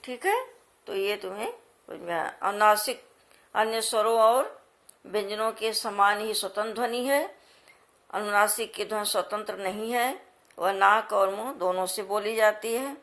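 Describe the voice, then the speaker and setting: A woman teacher walks schoolchildren through a grammar lesson, speaking directly to her pupils. She talks slowly and goes over each rule twice. Her voice sits at an ordinary middle pitch for a woman. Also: fairly bright tone. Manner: slow, repeats each point patiently.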